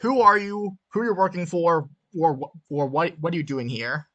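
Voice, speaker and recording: A hostile, foul-mouthed giant of a thug in a bloody yellow coat, played by a man running a tabletop game. He barks gruff, demanding questions in a bright, forceful voice that sits a little high. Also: normal speed, dull audio. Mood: menacing.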